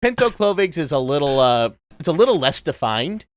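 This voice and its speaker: A man in his thirties who does voice impressions chats casually as an interview guest, animated and breaking into cartoon voices. His slightly high voice moves fairly quickly, and there is no echo.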